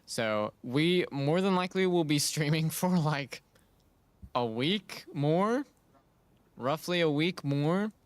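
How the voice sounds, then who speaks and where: Man casting esports, smooth clear voice. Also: on the high side, takes it slowly, dry recording. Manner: relaxed, rambling, filler-heavy. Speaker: esports caster. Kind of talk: casual game commentary.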